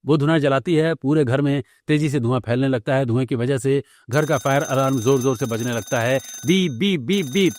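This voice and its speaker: A man narrating a cartoon story in a steady, plain scripted style. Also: mid-range voice, a little fast, few pauses, slight background noise.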